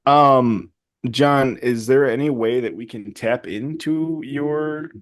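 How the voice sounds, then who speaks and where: A man speaks slowly at a tabletop game, halting and joking as he goes. He often restarts his sentences mid-thought. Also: medium pitch. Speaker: player.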